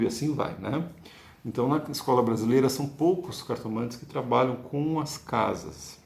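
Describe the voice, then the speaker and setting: A man with a Brazilian Portuguese accent teaches a card-reading lesson in a mid-pitched voice that has a gravelly edge. He explains things patiently, often closing his points with tag questions to check in with the listener. The room is echoey and spacious.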